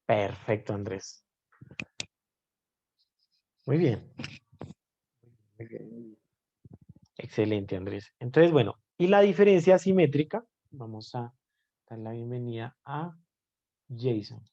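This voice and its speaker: A man's voice: medium pitch, big pitch swings, measured pace, long pauses, mellow, highs cut off. A man teaching math in a live online class. He explains step by step and keeps checking in with his students.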